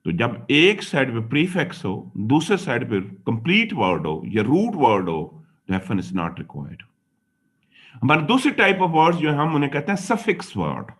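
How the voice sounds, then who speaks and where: A man's voice: medium pitch, big pitch swings, measured pace, fairly bright tone. A man teaching English grammar in a classroom lecture, explaining patiently and repeating his points as he addresses his students. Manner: mixes Hindi and English mid-sentence.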